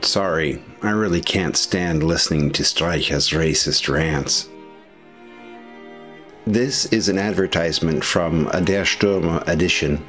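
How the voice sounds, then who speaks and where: A deep, low-set male voice narrates a history documentary in a scripted, formal, measured style, with passages of commentary. Quiet music runs beneath him.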